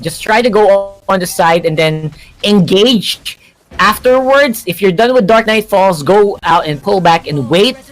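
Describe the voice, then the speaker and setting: A man's voice: high voice, animated, unhurried, rough recording. A man giving live color commentary on an esports match, casually explaining team strategy. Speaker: esports analyst co-caster.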